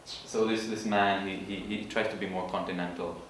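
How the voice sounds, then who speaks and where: Low-voiced man, echoey and distant. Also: steady tone. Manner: explanatory, halting, searching for words. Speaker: student presenter. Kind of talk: informal literature presentation. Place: large room at an evening school event. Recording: echoey hall from far off, faint noise.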